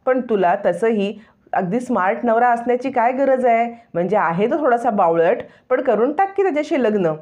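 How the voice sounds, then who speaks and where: A woman's voice: on the high side, expressive, normal speed, a little mellow, lightly acted. A woman reading the lines of a scheming older man who teases dismissively, in a dull lo-fi recording. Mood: teasing. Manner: teasing, dismissive.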